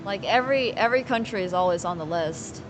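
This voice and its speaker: This Finnish streamer plays poker and chats casually with her audience, answering viewers in fast, rambling fragments as she thinks aloud. Her medium-pitched voice has lively intonation, and there's background noise.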